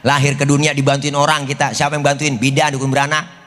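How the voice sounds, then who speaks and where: A man's voice: mid-range voice, level tone, quick pace, a bit bright. A man with a Betawi accent giving a comic sermon, jokey and full of street slang. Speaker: preacher. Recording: long hall reverb.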